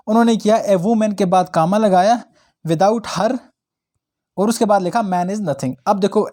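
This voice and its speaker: Young guy doing a grammar lesson, kinda high voice, keeps going "theek hai na". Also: mellow. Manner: explains in Hindi-English mix, repeats "ठीक है ना". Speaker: English grammar teacher.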